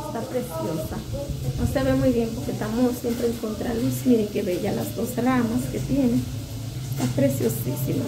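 With a slightly high voice and some noise in the background, a thirty-something woman vlogs from her small home. She does chores and chats openly to the handheld phone camera at arm's length, sounding dry and sore in the throat as music plays.

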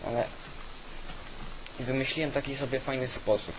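A man's voice: mid-range voice, fairly even intonation, normal speed. Man with hissy, noisy mic. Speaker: gaming video host. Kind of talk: casual gameplay commentary. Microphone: old cheap weak microphone. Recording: constant hiss from weak microphone.

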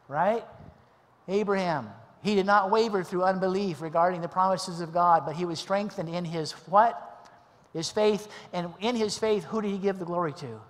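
A middle-aged pastor delivers a storytelling sermon, voicing the people in his story with animated flair. His voice sits high for a man, and the sound hangs in a long reverb through the church hall. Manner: animated storyteller, acting out quoted dialogue. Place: church sanctuary.

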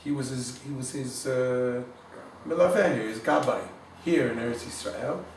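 A man giving an informal Torah class, telling a story warmly and mixing in Hebrew and Yiddish words. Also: mid-range voice, unhurried, recorded from a distance, a little hiss or hum. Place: room in Jerusalem. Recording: echoey room, speaker away from the mic.

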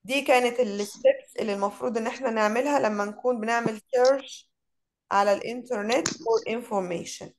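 Egyptian woman teaching online, slightly high. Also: steady tone, a little hiss or hum, poor audio. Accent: Egyptian Arabic. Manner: switches between Arabic and English, drawn-out word modeling. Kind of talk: online English lesson.

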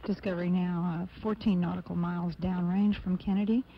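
A man giving live technical flight commentary as a mission control announcer, formal and measured. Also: high-pitched, flat delivery, vocal fry. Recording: dull lo-fi broadcast, faint noise.

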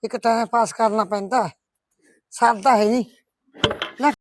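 A woman's voice: fairly high pitch, steady tone, unhurried, background noise, lightly acted. A middle-aged woman playing a firm, caring village mother who scolds and comforts her daughter in a rural family drama. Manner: scolding yet comforting, blunt.

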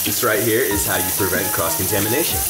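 A young man, a fitness vlogger, hosts a casual cooking demo in his home kitchen, chatting upbeat and directly to viewers. His voice is on the low side and quick-paced. The audio has roomy kitchen echo and background music.

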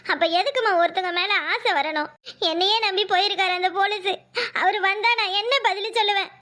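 A woman voicing a heartbroken, resigned young village bride in a cartoon, soft and tearful, with a Kanyakumari Tamil accent. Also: very high voice, brisk. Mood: despairing.

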